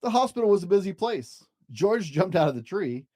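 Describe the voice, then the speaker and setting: Children's picture-book narrator: mellow, gentle tone with lively, swooping intonation. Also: mid-range voice, fairly quick. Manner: animated, gentle, addressing young children. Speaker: storyteller reading a children's book aloud.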